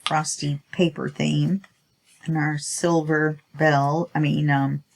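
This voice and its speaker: Her voice deep, creaky and flat, a crafting channel host speaks slowly while demonstrating a craft project in a relaxed tutorial. Congested and sniffly, she chats and talks to herself as she works.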